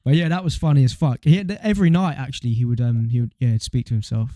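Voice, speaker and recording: Laid-back young British man, mellow voice. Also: mid-range voice, quick pace, no room sound, studio quality. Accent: British English. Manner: laid-back slangy storytelling with fillers. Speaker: podcast co-host. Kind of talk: casual chat.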